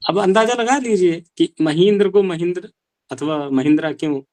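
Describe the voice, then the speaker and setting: A man's voice: high-pitched, normal speed, a little mellow, no room sound. A male Sanskrit teacher giving an online language class, explaining step by step and asking rhetorical questions.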